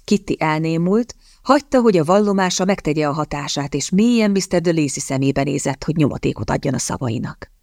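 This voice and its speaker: A woman narrating a period romance novel in a measured storytelling manner. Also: low voice, lively intonation, vocal fry, a little mellow, no echo, studio quality. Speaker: audiobook narrator. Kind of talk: scripted audiobook narration.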